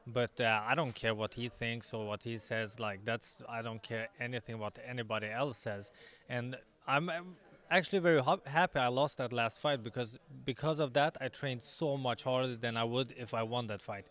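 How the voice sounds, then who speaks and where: A confident young man, an MMA fighter giving a sports interview in halting English with repeated words. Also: medium pitch, steady tone, fairly bright tone. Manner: confident, self-assured. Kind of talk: post weigh-in sports interview.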